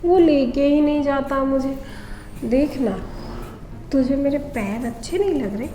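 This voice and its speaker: A woman's voice: high voice, unhurried, mellow, a little hiss or hum. An actress playing a rich, lonely wife in a scripted short drama. She coaxes at first and then turns bossy and threatening. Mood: pleading. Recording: echoey room with long reverb.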